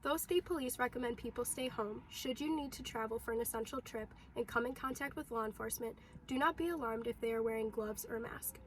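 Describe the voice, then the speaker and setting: Young female student reporter, fairly high voice, scripted news read. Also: brisk, few pauses, slight background noise, poor audio.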